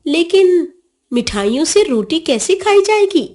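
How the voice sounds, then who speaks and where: A woman's voice: very high voice, very animated, measured pace, a little mellow, voice pushed up, heavily acted. A woman narrator voicing a middle-aged mother who has lost her authority for a day and argues back in a mildly pleading way. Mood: protesting. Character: middle-aged mother, busy, used to ruling the house.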